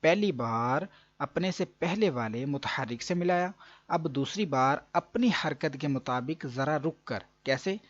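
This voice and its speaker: A man's voice: on the high side, animated, a little slow, dull audio. A man teaching an online recitation lesson, explaining patiently and repeating each rule step by step. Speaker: Quran reading teacher.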